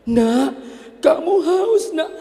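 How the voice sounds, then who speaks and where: A man putting on a frantic young mother, Siti Hajar, crying out in a high falsetto that leaps wildly up and down. Her anxious, breathless pleas ring through a long hall reverb. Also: animated, extremely slow, dark tone, a little hiss or hum, full character voice. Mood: tender.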